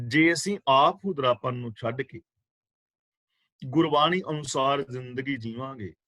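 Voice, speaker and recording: A man giving a scripture exposition class on a video call, explaining patiently and repeating key words in a measured way. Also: fairly high pitch, a bit bright, no room sound. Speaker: Sikh scripture teacher. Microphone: video call microphone.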